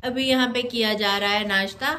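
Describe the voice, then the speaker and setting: Chatty woman vlogger, fairly high voice. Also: fairly even intonation, normal speed, sharp tone. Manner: chatty, teasing, asks many questions. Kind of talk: casual daily vlog narration. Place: at home and out running errands.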